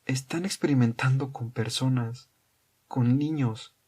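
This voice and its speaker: A man voicing an anguished teenage girl confronting her parents, speaking in a tense, shaken, quietly accusing way. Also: mid-range voice, unhurried, husky.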